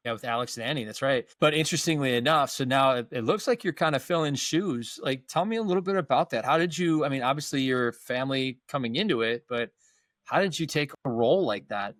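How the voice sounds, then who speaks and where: Speaking fast, a man in his fifties hosts a loose, chatty podcast interview by video call, often breaking off and starting sentences again. The recording is studio quality with no room sound, and his medium-pitched voice has a fairly bright tone.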